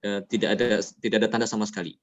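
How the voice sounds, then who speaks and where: A man teaching Quran recitation rules, explaining each rule and then reciting the examples slowly and melodically. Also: fairly low pitch, fairly even intonation, dull audio. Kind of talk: tajwid lesson.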